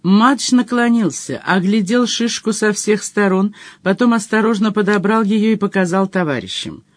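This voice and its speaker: An audiobook narrator with even, measured storytelling delivery, mid-pitched and steady. Recorded close on a studio mic, the sound is completely dry with no room reverb. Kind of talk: scripted narration.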